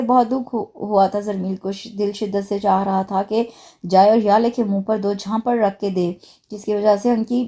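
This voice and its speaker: A woman narrating a dramatic novel in a steady, emotive reading. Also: medium pitch. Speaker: audiobook narrator.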